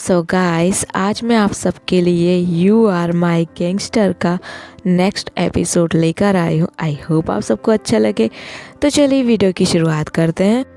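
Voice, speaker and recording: A woman's voice: on the low side, slow, warm tone. A woman hosting a storytelling channel, retelling a drama in a chatty, casual way and mixing English words into her talk. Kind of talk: casual drama recap narration.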